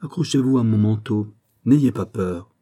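A man reading the part of a calm, cunning bishop who speaks with smooth assurance. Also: lowish voice, unhurried. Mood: assured. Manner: smooth, assured, quietly persuasive. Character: cunning calm older male bishop schemer. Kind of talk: audiobook character reading.

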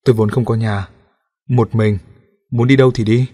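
A male audiobook narrator voicing a calm, kind police captain who speaks gently and in a measured way. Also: medium pitch, slightly rough, natural voice. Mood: quiet.

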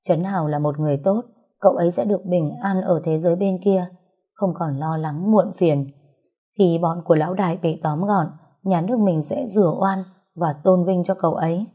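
A woman voicing a calm young man who gently soothes his grieving sister. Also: lowish voice, moderate pace, husky. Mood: soothing. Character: young man, calm protective older brother.

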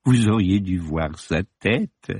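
A cold, mocking film director with a low, slightly husky voice, as a male reader puts him on. He talks down to people in clipped, cutting remarks, sneering even when he apologizes. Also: slow, dry recording, studio quality, heavily acted. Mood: icy mocking. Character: cynical, scornful chain-smoking male film director.

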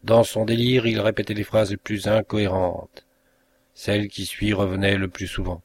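A man reading a classic novel aloud, in a measured and expressive narration. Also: on the low side. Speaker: audiobook reader. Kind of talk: scripted narration.

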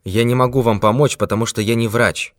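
A man's voice: mid-range voice, fairly even intonation, a little fast, no echo, clean studio sound, voice pushed up, close to an everyday voice. A man voicing a great detective who is stern but patient with a client. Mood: firm. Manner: firm, exasperated.

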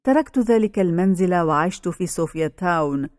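A woman voicing a frightened teenage girl who speaks in a higher, nervous, hesitant way. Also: animated, a little fast, darkish tone, no room sound, clean studio sound, natural voice. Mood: timid.

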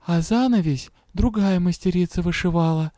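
A man's voice: high voice, moderate pace, mellow, no room sound, clean studio sound, close to an everyday voice. A man voicing a curious young woman in a lighter, raised voice. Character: curious young heroine, the mage's beloved. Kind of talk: audiobook character voice.

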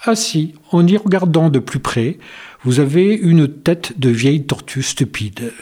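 A man's voice: fairly high pitch, expressive, unhurried, a little mellow, voice pushed up. A man voicing a male dentist who teases his patient in a storybook reading. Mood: mocking. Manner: teasing, mock-solemn. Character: male village dentist, wry and teasing.

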